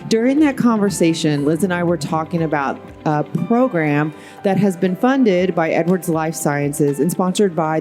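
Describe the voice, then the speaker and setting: A woman's voice: deep voice, dark tone. A woman hosting a conference podcast, upbeat and encouraging as she interviews guests. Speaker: podcast host.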